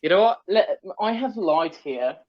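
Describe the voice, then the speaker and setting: A man hosting a casual conversation, hesitant and filling pauses with um. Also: high-pitched, animated, dry recording. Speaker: host. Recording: dull dry lo-fi sound.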